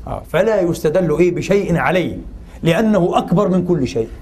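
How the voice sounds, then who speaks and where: A man lectures at a rapid clip. His voice is mellow and sits a little high for a man. He keeps posing rhetorical questions and pausing on filler sounds. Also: animated. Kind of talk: religious and cultural lecture.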